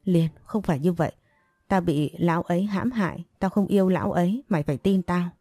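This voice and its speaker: A woman's voice: on the low side, brisk, dark tone, breathy edge, dry recording. A woman voicing a frightened young village girl who pleads through tears. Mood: pleading. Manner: tearful, pleading.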